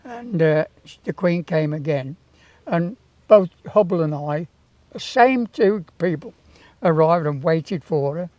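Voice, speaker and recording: An elderly man in his eighties telling anecdotes from memory in an interview, in an unhurried, rambling way with hesitations. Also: fairly high pitch, lively intonation, no room sound, muffled recording. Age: 80s. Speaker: town crier and former Tower of London yeoman warder. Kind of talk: reminiscing in interview, anecdotal storytelling.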